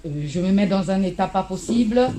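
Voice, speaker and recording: A woman giving an emotional spoken testimony at a memorial gathering, halting and searching for her words. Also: medium pitch, lively intonation, dark tone. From Central Africa.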